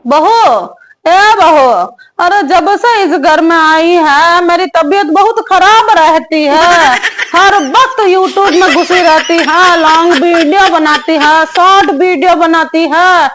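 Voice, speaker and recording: A woman voicing a bossy, aging mother-in-law who nags slowly and scolds in a comic family sketch. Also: extremely high pitch, fairly bright tone, slight background noise, full character voice. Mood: nagging. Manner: slow, scolding, drawn-out nagging.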